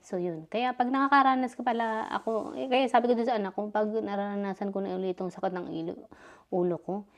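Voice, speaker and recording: Still somewhat dizzy, this middle-aged vlogger speaks briskly in a steady, mid-range voice. Her casual storytelling is chatty and full of fillers, and she performs the conversations she recounts.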